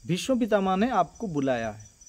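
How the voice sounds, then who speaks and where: A man voicing a deferential young warrior prince in a devotional story, quiet and respectful, in a voice a little lower than his narration. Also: very animated, normal speed.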